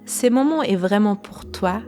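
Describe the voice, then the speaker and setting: Short phrases separated by pauses mark this slow relaxation meditation, led calmly by a female guided meditation teacher. Her voice is mid-range, and there is faint music underneath.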